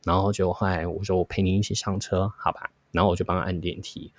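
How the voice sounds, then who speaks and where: Fast-talking deep-voiced man telling a story. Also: dry recording, studio quality. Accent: Taiwanese Mandarin. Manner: animated storytelling, acts out quoted dialogue. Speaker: podcast host. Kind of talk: storytelling chat.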